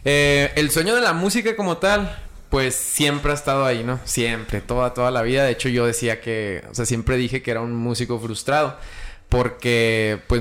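Man, musician guest, casual interview, friendly, relaxed. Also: mid-range voice. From Chihuahua, Mexico.

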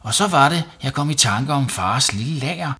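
A man's voice: medium pitch, lively intonation, sharp tone, breathy edge, pitched above the performer's own voice, full character voice. A man reading a storybook and voicing a cheeky young boy who chatters eagerly and pleads. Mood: pleading.

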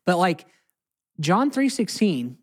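This podcast co-host and Bible teacher, an American man, has a high voice that's very animated though slow. He discusses the Bible casually but earnestly, stressing ideas by repeating phrases.

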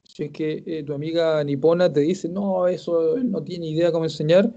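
A man's voice: a little high, steady tone, normal speed, warm tone, highs cut off. A man with a Chilean accent teaching a live-streamed class, methodically reciting verb forms aloud while checking homework, with self-mocking humor. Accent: Chilean Spanish. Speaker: Japanese language teacher.

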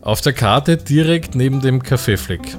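A man's voice: mid-range voice, expressive, normal speed, faint music behind. A man co-hosting a radio comedy show, playing the dry, teasing straight man. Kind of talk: absurd comedic banter.

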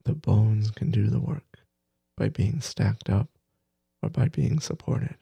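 A meditation teacher who also hosts a podcast leads a guided meditation in a voice on the low side, caught on a dry recording. He sounds gentle and soothing, with soft, breathy phrases that trail off between long pauses.

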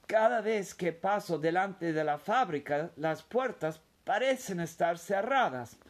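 A curious, impatient little boy in a storybook, pressing for answers, as a man puts him on. His voice sits high and bounces up and down. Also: animated, measured pace. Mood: eager. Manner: eager, questioning.

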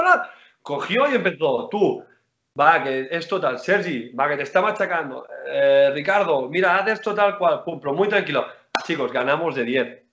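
A man, a basketball player chatting as a guest in an interview, animated, rambling and slangy. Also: fairly high pitch. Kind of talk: casual interview chat. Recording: roomy, dull lo-fi sound.

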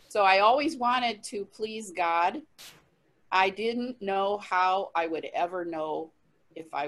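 A woman tells her personal testimony in an interview, speaking candidly and with plenty of life. Her voice sits at an ordinary middle pitch, and she often laughs mid-story and restarts her sentences. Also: fairly bright tone. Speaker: interview guest, traveling minister.

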